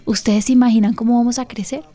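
A woman's voice: on the high side, fairly even intonation, quick pace, dark tone. A woman pastor hosting a church program, teaching earnestly and often turning to her listeners with questions. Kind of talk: church radio teaching talk.

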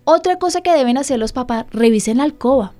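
Woman, pastor hosting a talk show, emphatic, pleading, higher pitch. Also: expressive, fast talker, warm tone. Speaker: pastor and radio host.

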